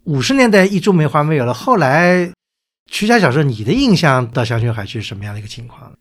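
A man's voice: on the high side, big pitch swings, fast talker. A man co-hosting a casual chat, steering the topic and often asking his partner "right?". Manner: leads the talk, often checking in with "right?". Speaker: co-host.

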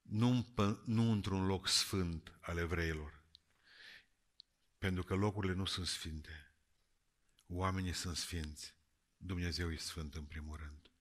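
A man preaching a sermon, lively and joking, moving between loud calls and quiet words. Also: deep voice, long pauses. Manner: lively, jokey, swings between shouting and quiet.

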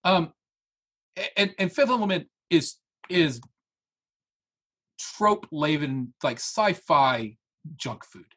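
A man's voice: fairly high pitch, slow pace, pauses often. A man co-hosting a casual podcast, arguing animatedly about movies. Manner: argumentative, animated. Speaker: podcast co-host. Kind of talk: casual chat.

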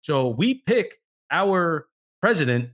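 A man's voice: on the high side, very animated, slow, fairly bright tone. A man hosting a casual political chat, explaining and repeating his points. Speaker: host.

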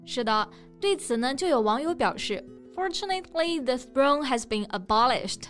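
Woman co-host for an English lesson podcast, fairly high voice, faint music under her. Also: animated, moderate pace, fairly bright tone. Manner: explains word meanings step by step. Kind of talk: bilingual language lesson.

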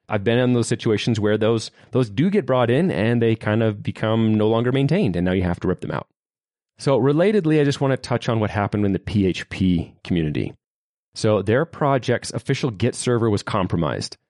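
Low-voiced man hosting a tech podcast. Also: no room sound, clean studio sound. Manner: opinionated, conversational, lively emphasis. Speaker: podcast host.

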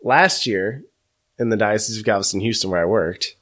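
A man's voice: fairly low pitch, moderate pace, fairly bright tone. A man co-hosting a podcast, chatting casually and joking through playful banter. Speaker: podcast co-host. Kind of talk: casual chat.

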